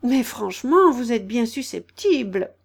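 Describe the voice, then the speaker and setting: A woman's voice: fairly high pitch, sing-song, a little slow, vocal fry, voice pushed up, heavily acted. A woman voicing Alice, a curious, polite young girl who talks earnestly and a little apologetically. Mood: apologetic. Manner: eager, earnest, slightly apologetic.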